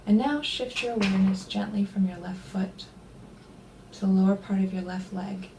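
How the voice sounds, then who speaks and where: Leading a body scan meditation, a woman speaks with gentle, slow, soothing warmth at a medium pitch, closing phrases with soft breathiness. The recording is rough, carrying a little hiss or hum.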